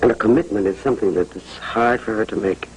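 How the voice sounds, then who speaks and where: A man's voice: lowish voice, quick pace, natural voice, low-quality recording. An actor in a 1980s TV soap playing a fatherly man who talks in a soothing, affectionate way. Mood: reassuring. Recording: old TV recording with faint hiss.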